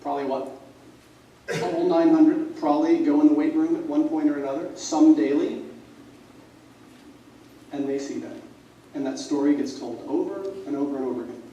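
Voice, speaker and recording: A man's voice: a little high, normal speed, pauses often, recorded from a distance, lo-fi sound, a little hiss or hum. Man telling stories in an echoey hall. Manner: animated storyteller, acting out quoted dialogue. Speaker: conference organizer and speaker. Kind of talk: conference talk with storytelling. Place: conference hall.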